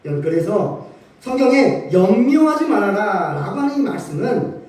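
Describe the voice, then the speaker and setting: A man's voice: high voice, sing-song, moderate pace, a little mellow, recorded from a distance. A male pastor preaching a Sunday sermon, asking rhetorical questions and building up emphasis. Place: church sanctuary. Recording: echoey church hall from off-mic.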